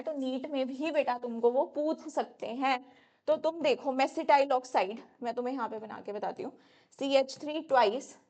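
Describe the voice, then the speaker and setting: Higher-pitched woman teaching chemistry. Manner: chatty, addresses students as "beta", self-correcting. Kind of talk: exam-prep lecture at a whiteboard.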